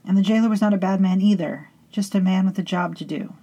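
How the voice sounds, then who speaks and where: A woman hosts and narrates a scripted horror story in a hushed, intimate manner, at times sinking into whispers and calling her listeners beloveds. Her voice is mid-range and steady, she talks fast, and the audio sounds dull.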